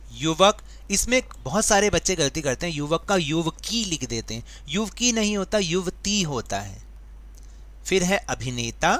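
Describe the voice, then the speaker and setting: A man with a bright, ringing voice pitched a little high teaches a grammar worksheet. He goes patiently step by step and puts questions to his students. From India. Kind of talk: worksheet lesson.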